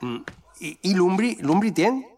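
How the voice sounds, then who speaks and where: A man's voice: high-pitched, very animated, a little slow, darkish tone, a little hiss or hum, heavily acted. An actor playing a poor, hospitable village man with a folksy, curious way of talking.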